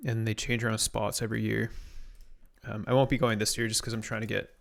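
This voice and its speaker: Streaming live as he reverse-engineers something, a young man from Canada mutters his thoughts and casually responds to questions from chat. He speaks fairly quickly in a lowish, creaky voice with little pitch movement.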